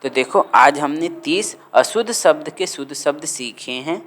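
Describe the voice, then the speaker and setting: A man teaching a grammar lesson, dictating words slowly and repeating them for students to write down. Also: a little high, animated, a bit bright.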